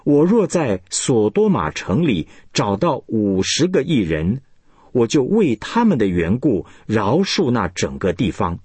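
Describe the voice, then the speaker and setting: God speaks solemnly and with measured weight, as a man reading scripture voices him. The delivery is slow and husky, with a low voice. Its intonation is wide and expressive. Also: no echo.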